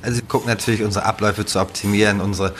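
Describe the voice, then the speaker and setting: Low-voiced chef guy chatting loosely, lots of ums and restarts, bit of room noise. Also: rapid-fire. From northern Germany. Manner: relaxed, rambling with many fillers and restarts. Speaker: head chef and restaurant founder. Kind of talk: casual interview talk.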